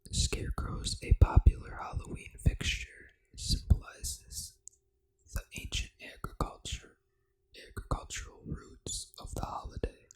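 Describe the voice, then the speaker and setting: Speaking only in a hushed whisper, this video game ASMR host never uses a normal speaking tone, and the voice stays breathy and fully unvoiced. The delivery is soft, deliberate and unhurried, on a rough recording.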